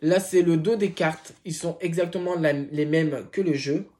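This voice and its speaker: A man's voice: a little high, fairly even intonation, normal speed, warm tone. A man hosting his tarot channel, chatting casually as he unboxes a deck, hesitant with many filler sounds and apologetic asides.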